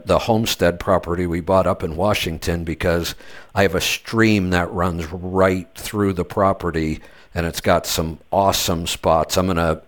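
Low-voiced man telling stories casually. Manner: laid-back storytelling with frequent restarts. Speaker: host. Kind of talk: casual podcast chat.

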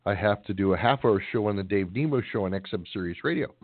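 A fast-talking middle-aged man with a fairly low voice co-hosts a trucking call-in radio show. He rambles, jokes, and chats in a casual, folksy way. There's no echo, and the audio has a dry, tinny phone-line sound.

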